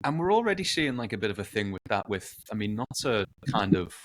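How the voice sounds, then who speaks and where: Low-voiced man chatting casually. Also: quick pace, a little hiss or hum, rough recording. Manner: relaxed, rambling, lots of fillers. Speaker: podcast guest. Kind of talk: casual podcast chat.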